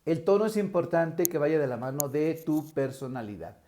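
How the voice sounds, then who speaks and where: A Mexican man with a tenor voice teaching an online lesson, acting out pitch examples as he goes. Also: lively intonation, moderate pace, dark tone. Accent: Mexican Spanish. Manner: demonstrative, shifts pitch to show examples. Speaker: teacher trainer.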